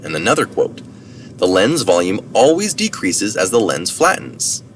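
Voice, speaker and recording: With a sing-song delivery at normal speed, a man whose voice is on the low side reads a science article as narration. He adds casual asides for citations and sometimes self-corrects. The mic is distant, and background noise is noticeable.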